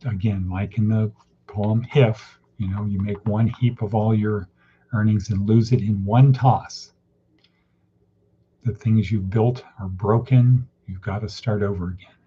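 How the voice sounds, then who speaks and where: Man, teacher, low voice, rhetorical questions, faint background hiss. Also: fairly even intonation, measured pace. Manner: repeats words and asks rhetorical questions. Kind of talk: informal daily class talk. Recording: dull lo-fi with faint noise.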